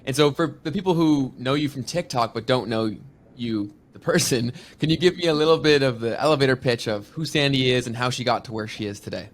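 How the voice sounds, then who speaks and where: A man's voice: medium pitch, a little fast. Upbeat male podcast host. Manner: upbeat and encouraging. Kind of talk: casual interview.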